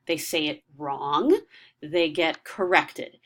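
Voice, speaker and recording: A woman's voice: sits low, lively intonation, slow, fairly bright tone. A woman giving a recorded lecture, explaining ideas step by step with frequent ums and restarts.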